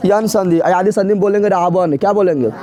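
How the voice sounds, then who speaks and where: A man's voice: sits high, fairly quick, mellow. A man teaching an exam-prep grammar lesson, asking questions and answering them himself in a repetitive drilling way. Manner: drilling, asks and answers his own questions.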